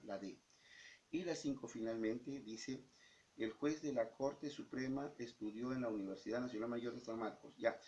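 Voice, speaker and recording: A man's voice: mid-range voice, a little mellow. A male teacher explaining exercises step by step, often checking in with the student. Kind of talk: recorded lesson explaining exercises. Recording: dull lo-fi sound.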